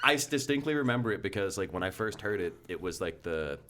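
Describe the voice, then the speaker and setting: A man's voice: low voice, lively intonation, fast, a bit bright, a little hiss or hum. A man co-hosting a casual podcast, telling long rambling stories full of fillers and restarts. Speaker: podcast co-host. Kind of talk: casual chat.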